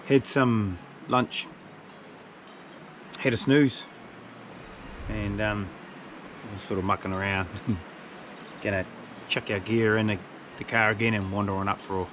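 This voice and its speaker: A man with a broad New Zealand accent, talking casually and matey in slang as he narrates a hunting vlog. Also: fairly low pitch. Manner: colloquial Kiwi slang, matey. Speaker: hunting vlogger.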